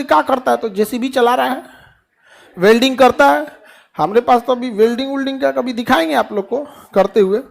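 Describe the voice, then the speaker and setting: A man's voice: very high-pitched, gravelly. A man giving a motivational talk to a class as their teacher, folksy and joking, asking questions and answering them himself. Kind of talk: lively classroom motivational speech.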